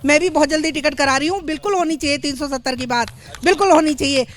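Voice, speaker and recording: A woman's voice: high-pitched, fast. A woman from the crowd speaking eagerly in support of her party. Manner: enthusiastic, cheering for her party.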